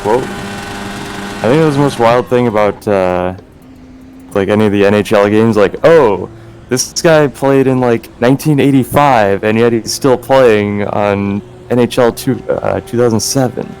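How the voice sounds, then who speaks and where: A man's voice: mid-range voice, measured pace, a little mellow, slight background noise, poor audio. A man streaming a racing game, chatting casually in laid-back, slangy banter. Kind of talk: casual chat.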